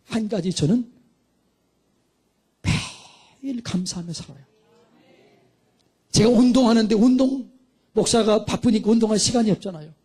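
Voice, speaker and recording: A man's voice: high-pitched, fairly quick, long pauses, dark tone, slightly rough. A middle-aged male pastor preaching fervently, calling for amens and acting out little dialogues. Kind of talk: sermon. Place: church sanctuary.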